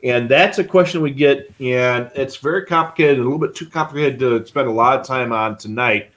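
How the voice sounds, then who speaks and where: A man's voice: mid-range voice, a little fast, fairly bright tone. A man co-hosting a live stream, explaining in a casual, rambling way with many fillers. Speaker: livestream co-host.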